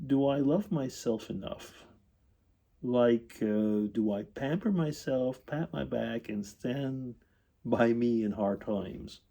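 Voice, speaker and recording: An older retired man chatting casually in a vlog, answering tag questions at his computer indoors, halting with frequent ums and throat-clearing. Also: medium pitch, warm tone. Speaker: vlogger.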